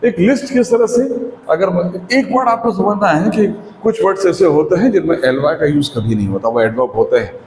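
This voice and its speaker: A man with an Indian accent teaching a spoken English lesson, explaining step by step and often asking if it is clear. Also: high voice, expressive, brisk, darkish tone, a little hiss or hum. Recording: echoey room with long reverb.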